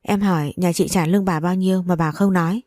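A woman's voice: on the low side, steady tone, fast, dark tone, no echo, clean studio sound, lightly acted. A woman voicing a nosy, blunt young neighbor asking questions. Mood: curious.

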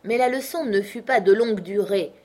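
A woman reads a classic novel aloud for an audiobook. Her narration is measured and steady. The voice is slightly husky, at a mid pitch.

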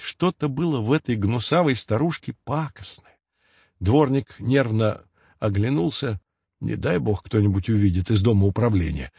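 A man narrating a fairy tale audiobook with expressive storytelling. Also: medium pitch, creaky, husky, dry recording. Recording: dull lo-fi dry recording.

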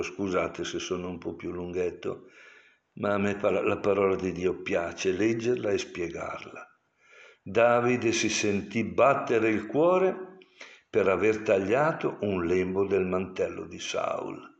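An older man, a priest, giving a sermon in a digressive, explanatory way that turns to stern warnings. The recording is dull and lo-fi. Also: sits low.

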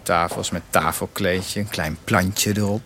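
In a Dutch radio drama, an actor plays the narrator and lead, a young husband of a cancer patient, voicing his bitter, sarcastic inner thoughts. He has a deep voice with fairly even intonation and speaks a little slowly, over a noisy background.

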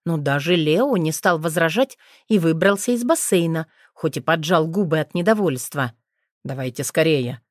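A woman with a fairly low voice reads a first-person audiobook in a steady, expressive way. The sound is close and dry, with no room echo. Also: normal speed, hardly any pauses. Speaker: audiobook narrator.

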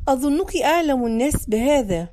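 Narrator voicing a scornful young woman who won't back down, warm higher voice, audiobook role. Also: animated, brisk. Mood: defiant. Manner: blunt, scornful. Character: fierce defiant young woman, daughter.

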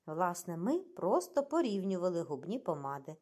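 A woman's voice: lowish voice, very animated, normal speed. A woman reading a guarded young woman. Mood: defensive. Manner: sharp, defensive.

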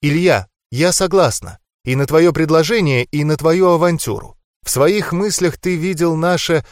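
A man reading an audiobook, voicing a composed, serious young goddess in a calm, measured, softly serious way. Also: a little high, no echo, clean studio sound, voice pushed up, lightly acted. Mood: gentle.

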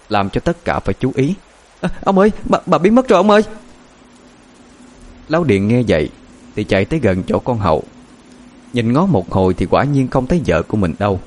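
A man narrating a horror story in a dramatic, expressive way. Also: on the low side.

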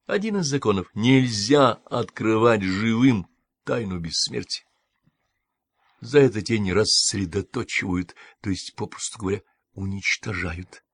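A man voicing a calm male ghost who speaks quietly and evenly. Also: fairly low pitch, measured pace, dry recording. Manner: level, quiet, tired. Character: calm man's ghost, a shadow of the dead.

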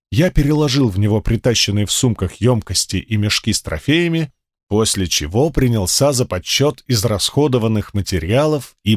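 A man reading a first-person fantasy audiobook with steady, measured storytelling. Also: on the low side, dry recording, clean studio sound. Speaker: audiobook narrator.

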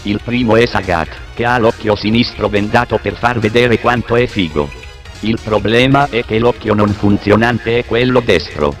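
A male text-to-speech robot voice with a metallic sound, reading a comic parody narration in a flat, deadpan way. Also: on the low side, moderate pace, soft background music. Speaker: narrator of a video game parody.

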